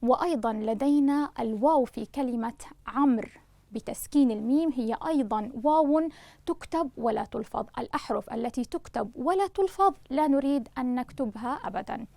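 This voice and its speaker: A woman teacher giving a recorded grammar lesson, speaking slowly and deliberately and spelling out sounds for her students. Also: high voice, vocal fry, no room sound. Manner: slow, deliberate, spelling out syllables; addresses students warmly as loved ones. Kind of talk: online Arabic lesson.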